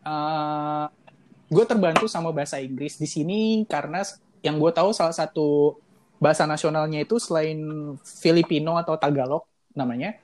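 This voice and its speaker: A man's voice: a little high, moderate pace, a little mellow. A young man from Indonesia, a podcast guest who tells stories in casual slang and laughs often. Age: young adult. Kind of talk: casual chat.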